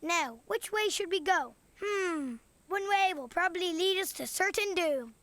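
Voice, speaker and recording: A woman's voice: very high-pitched, expressive, a little slow, fairly bright tone, heavily acted. A woman voicing Henry, a cheerful, curious little boy in a cartoon, talking eagerly. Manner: eager, bubbly, exclaims often. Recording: music playing behind.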